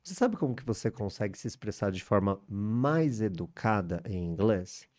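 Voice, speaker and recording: A Brazilian man with a Brazilian Portuguese accent, teaching English in a video lesson, with lively rising intonation and frequent tag questions. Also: fairly low pitch, moderate pace.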